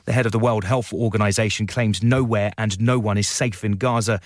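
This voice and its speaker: A man's voice: on the low side, steady tone, brisk, dry recording, studio quality. A British man reading a scripted radio news bulletin as a newsreader.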